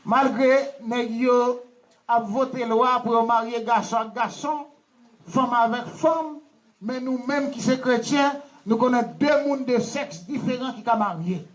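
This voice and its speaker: A man's voice: very high-pitched, measured pace, rough recording. A man with a Haitian accent, a pastor preaching a wedding sermon in call-and-response, asking the congregation questions and having them repeat after him. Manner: laughing, teacherly questioning.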